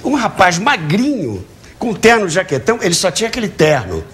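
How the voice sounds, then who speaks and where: On a TV talk show with an audience, a Rio de Janeiro man in his early seventies, who wrote a book on radio theatre, tells animated stories in an interview, repeating words and throwing out rhetorical questions. His voice is a bit high and bright, a little fast, with huge swings in pitch.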